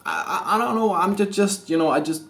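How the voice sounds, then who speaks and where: Here the Danish-accented vlogger, aged thirty, sounds high-pitched, expressive and fairly bright. His confession to the camera mic is hesitant and rambling, broken by frequent restarts and fillers.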